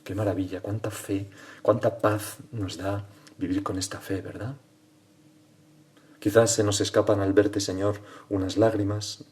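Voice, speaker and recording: A priest leading a prayerful spoken meditation, speaking directly to the Lord and often dropping to hushed tones. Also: male voice, fairly low pitch, level tone, a little slow.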